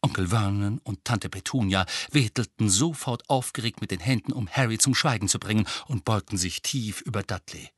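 A man reading an audiobook with expressive storytelling, close to a dry studio microphone. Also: on the low side, normal speed, hardly any pauses, husky, no room sound. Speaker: audiobook narrator. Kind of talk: scripted narration.

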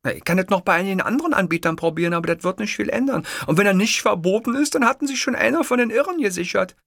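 A woman's voice: mid-range voice, expressive, very fast, creaky, fairly bright tone, dry recording. A young office clerk, played by a woman answers in a dry, unbothered, matter-of-fact way. Her slang stays casual. The recording is dry and close. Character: blunt young female Berlin office clerk. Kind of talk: audiobook character voice.

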